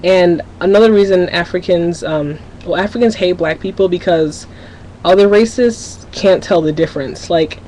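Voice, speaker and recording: In a low-quality recording with a faint hiss underneath, a Minnesota teen speaks at a moderate pace in a fairly low, mellow voice. She is vlogging candidly to her webcam at home, rambling a little and starting sentences over as her mind races ahead.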